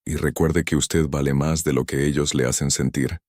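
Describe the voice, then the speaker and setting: A man's voice: very deep voice, steady tone, moderate pace, darkish tone, husky, no room sound, clean studio sound. A man voicing a caring older woman friend.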